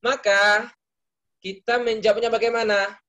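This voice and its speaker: A man's voice: high-pitched, flat delivery, a little slow, bright, forceful tone. A man teaching an Arabic class, explaining patiently step by step and calling on students by name to answer.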